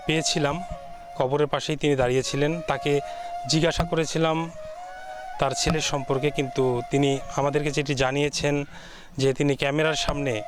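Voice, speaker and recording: Man, Bangladeshi accent, news report narration, formal, measured, clear music bed. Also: fairly high pitch. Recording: music under the voice.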